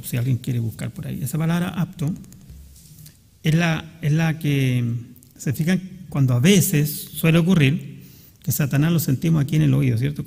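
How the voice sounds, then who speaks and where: A man with a Chilean Spanish accent preaches a sermon as pastor in a church sanctuary, earnestly checking that the congregation follows along and often asking them questions. His medium-pitched voice is warm, creaky, and slightly rough, with a big-room sound.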